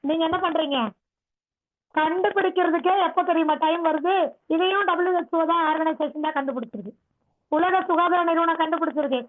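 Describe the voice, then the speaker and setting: A woman with a very high voice gives a motivational yoga talk. She exhorts her listeners and keeps firing rhetorical questions at them. The sound is tinny and narrow, as if heard over a phone line. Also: brisk. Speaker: yoga teacher.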